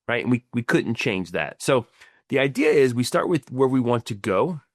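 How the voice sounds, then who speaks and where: A man's voice: mid-range voice, very animated, moderate pace, dry recording, studio quality. A middle-aged man co-hosting a podcast as a financial planner, explaining ideas in casual chat with many restarts and "right?" tags. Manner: stumbling restarts, frequent tag questions.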